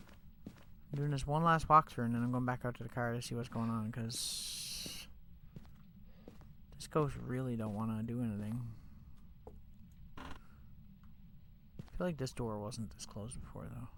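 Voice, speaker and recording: A man's voice: mid-range voice, measured pace, creaky, pauses often, fairly bright tone, slight background noise. Congested man chatting while streaming a game. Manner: chatty, rambling, many fillers like "like" and "you know". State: stuffed up, congested. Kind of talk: casual live-stream chat while gaming.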